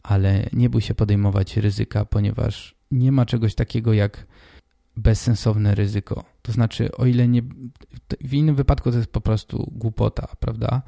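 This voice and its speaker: A man in his twenties hosting a casual solo podcast, hoarse and congested with a stuffy nose, talking informally and directly to the listener. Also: fairly low pitch, fairly even intonation, moderate pace, warm tone, no room sound, clean studio sound. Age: 20s. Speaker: podcast host.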